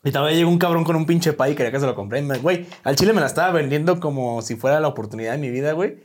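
Brief: young Mexican guy, fast and slightly high, slangy laid-back podcast chatter. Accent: Mexican Spanish. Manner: laid-back, peppers every phrase with slang. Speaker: podcast guest. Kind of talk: casual chat.

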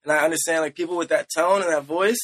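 A man's voice: a little high, fairly even intonation, fast talker, fairly bright tone. A young man chatting casually about music, loose and full of fillers, often saying "bro". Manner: loose, filler-heavy, says "bro" a lot. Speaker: podcast guest musician. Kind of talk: casual chat.

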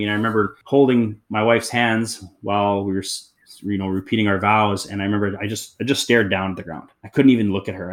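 A man in his thirties, an interview guest telling his personal story in a candid, reflective, loose conversational way. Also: lowish voice.

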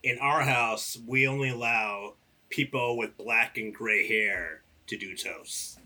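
A man co-hosting a podcast with halting, jokey improvised comedy talk. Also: mid-range voice, sharp tone. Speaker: podcast co-host. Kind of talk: improvised comedy monologue and banter.

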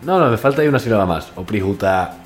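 A man's voice: lowish voice, animated, fast, faint music behind. A man co-hosting a podcast, in casual playful banter during a made-up word game. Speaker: podcast co-host. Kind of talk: casual chat.

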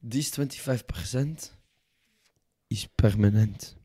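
A man's voice: on the low side, slow, mellow, slightly rough. A man voicing a pompous French male investor in a comic podcast role-play, with a put-on French accent and a bossy, haggling manner.

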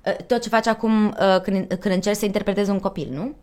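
A woman's voice: mid-range voice, fairly even intonation, a little mellow. A woman voice actor and singer, chatting and coaching, who demonstrates voices as she explains. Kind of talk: casual chat, voice coaching.

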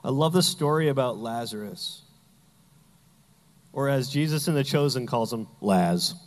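A man's voice: medium pitch, moderate pace, in a large hall. A man preaching a sermon as pastor, telling Bible stories with humor and acting out the characters.

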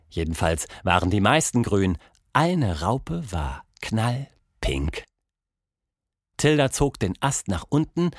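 A man hosting a children's audio show and reading a story aloud in an expressive, unhurried way. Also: lowish voice, husky, no echo, clean studio sound. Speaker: host and storyteller.

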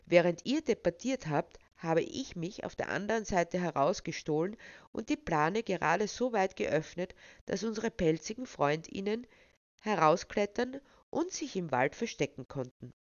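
A clever young woman stays calm and teases with quiet amusement in a storybook, as a woman reader plays her. The voice rests low. The recording is dry and muffled. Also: normal speed, no echo, close to an everyday voice. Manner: provocative, teasing.

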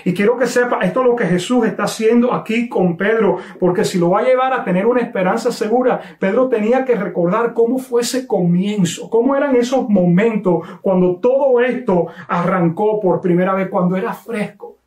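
A man preaching a sermon, telling a story with emphatic, slowly stressed phrases. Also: high voice, a little mellow, reverberant. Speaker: pastor.

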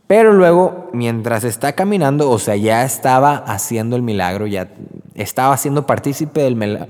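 Mexican man retelling scripture in a long-reverb hall. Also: medium pitch. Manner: lively storytelling with frequent fillers. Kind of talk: informal Bible reflection.

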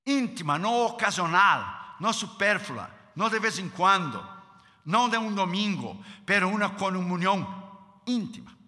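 A man preaching a sermon in a church, dramatic, dropping to a hush and acting out quotes in lowered voices. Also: big pitch swings, a little slow. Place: large church hall. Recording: long church hall reverb.

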